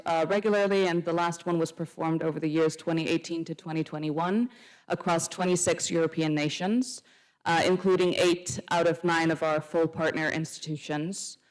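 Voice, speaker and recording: A young woman from Iceland, a student council panelist, answering a panel question in a measured way and citing survey figures with frequent fillers. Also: on the low side, darkish tone, smooth, low-quality recording.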